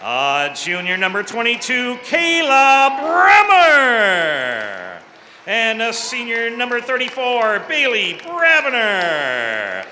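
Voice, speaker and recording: American male PA announcer, high and swooping, booming through gym speakers in a long echo with crowd noise. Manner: drawn-out emphatic player names. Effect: PA loudspeaker. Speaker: public address announcer. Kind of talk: echoing gym public address announcing of starting lineups. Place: high school gymnasium, heard over loudspeakers. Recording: echoey sports hall PA, crowd noise.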